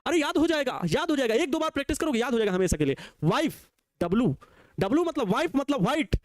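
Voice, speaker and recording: A man's voice: very high-pitched, animated, fast. A man teaches physics in a playful, jokey style. He asks a question, answers it, then repeats it back, and often teases his students. The sound is dry and close, with no room echo. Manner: playful, teasing, laughs at his own jokes. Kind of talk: jokey classroom lecture. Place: small teaching studio with a digital board.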